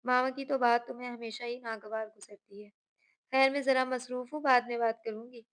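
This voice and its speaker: A woman's voice: a little high, fairly even intonation, a little fast, fairly bright tone, natural voice. A woman reading a cold, curt mother. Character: cold, dismissive middle-aged mother.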